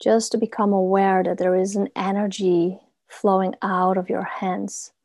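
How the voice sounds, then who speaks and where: A woman leading a guided body meditation in a soothing, gentle murmur, giving soft instructions with pauses between phrases. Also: medium pitch, flat delivery, no room sound, studio quality.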